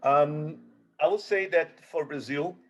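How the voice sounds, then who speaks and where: A man from Chile speaking as a guest on a video-call webinar panel, often repeating words as he searches for what to say. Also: a little high. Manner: halting, repeats words while searching for phrasing. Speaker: panel guest, expedition cruise guide.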